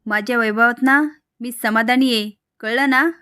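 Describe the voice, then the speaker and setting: A woman's voice: fairly high pitch, fairly even intonation, normal speed, sharp tone, clear, resonant tone, no echo, studio quality. A woman voicing a domineering, boastful mother-in-law in a serial retelling. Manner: boastful, scolding. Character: domineering proud middle-aged mother-in-law.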